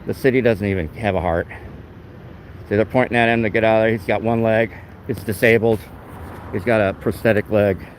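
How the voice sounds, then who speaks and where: A man's voice: fairly low pitch, a little hiss or hum, rough recording. A man narrating live as he films police on a city sidewalk, his talk indignant and rambling, recorded on a handheld phone outdoors. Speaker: activist filming police. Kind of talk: live narration while filming. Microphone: handheld phone camera.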